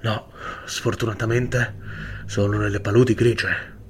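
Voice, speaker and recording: A man voicing a calm, blindfolded elf. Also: fairly low pitch, a little hiss or hum, lightly acted. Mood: insistent. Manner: calm, measured, quietly insistent. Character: mysterious blindfolded male elf, calm and insistent. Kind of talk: audiobook character reading.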